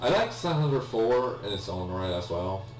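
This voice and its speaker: Very animated yet hesitant, a young Polish-accented gamer whose first language is Polish provides casual let's play commentary at a moderate pace. His pitch is fairly low, and he apologizes often amid many ums and restarts. Faint music sits behind him in an echoey room, with a faint hum and a distant mic.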